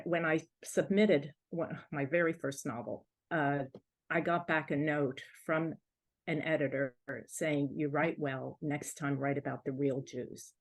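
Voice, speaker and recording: A woman author from Morocco, whose first language is French, telling her story on a panel in a reflective, halting way. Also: low voice. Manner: reflective, halting, with light laughs.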